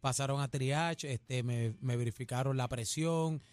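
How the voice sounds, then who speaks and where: A man's voice: mid-range voice, unhurried, dry recording. A man with a Puerto Rican accent, telling a story on a radio show and acting out the voices in it. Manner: animated, acts out voices in his story.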